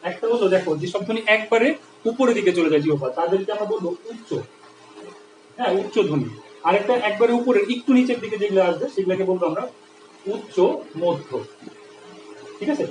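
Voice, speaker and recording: A man's voice: high voice, darkish tone, reverberant, recorded from a distance, slight background noise, rough recording. A man teaching an online grammar lesson, explaining step by step and often checking with his students. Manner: explanatory, with frequent checks like "right?".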